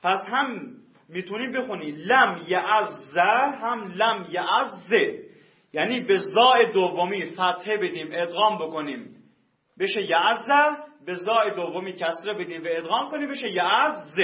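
Male teacher, high voice, muffled lo-fi classroom recording; patient grammar explainer. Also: echoey room. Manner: slow drawn-out spelling of example words.

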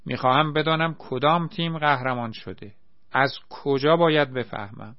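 A man doing a brash, shouting young soldier. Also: mid-range voice, no room sound, dull audio, pitched above the performer's own voice, close to an everyday voice. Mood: worked up. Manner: loud, exclaiming, shouting. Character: excitable young male soldier, football-mad, brash.

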